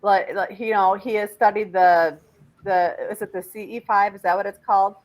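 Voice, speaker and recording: A woman's voice: mid-range voice, fairly even intonation, normal speed, rough recording. A woman hosting a panel discussion who explains things at length, with frequent fillers. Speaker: podcast host and regression facilitator.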